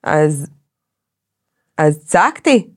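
A woman's voice: deep voice, big pitch swings, slightly rough. A young woman interviewing a guest, chatting openly and confiding about her own life. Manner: open, candid, laughs easily, confiding. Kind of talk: casual personal chat.

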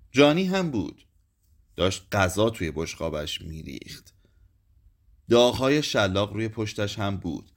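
A male narrator reads a literary short story aloud with dramatic expression. His pitch moves a lot, rising and falling with the tension of the scene. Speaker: audiobook narrator.

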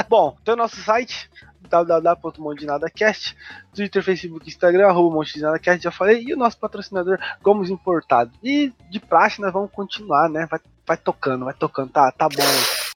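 Brazilian male podcast host, husky, dull lo-fi recording with faint music, loose joking delivery. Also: high-pitched, animated, normal speed. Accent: Brazilian Portuguese. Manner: joking, rambling, restarts often. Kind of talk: casual chat.

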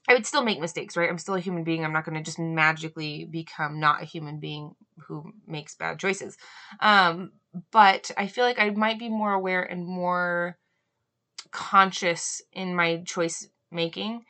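A young woman talks through her thoughts on a solo podcast, earnest and searching, leaning on "um" and "right?" as she goes. Her voice sits a little low yet has a bright, forceful edge. Now and then she breaks off to cough. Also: fairly even intonation, a little slow. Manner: earnest, musing, frequent "um" and "right?". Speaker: podcast host. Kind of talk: reflective solo podcast talk.

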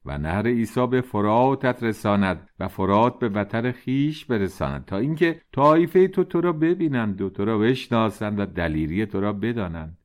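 A man voicing a young, strong prince who speaks calmly in formal old-fashioned speech. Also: fairly low pitch, few pauses, close to an everyday voice. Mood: resolute. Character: young strong self-assured male prince.

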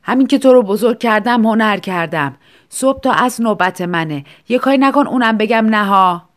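A woman voicing a stern middle-aged mother who scolds firmly and slowly. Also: mid-range voice, natural voice.

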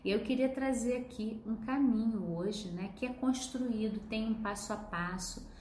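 A woman hosting a self-help talk, calm and instructive as she addresses her viewers. Her voice sits in a mid range. The room around her is roomy and echoing, with a faint hum of ambience. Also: fairly high pitch, normal speed. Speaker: host, emotional wellness guide.

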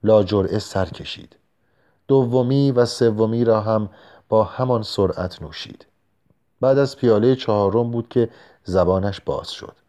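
A man calmly narrating a novel in a measured storytelling voice. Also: fairly low pitch. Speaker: audiobook narrator. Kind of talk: scripted narration.

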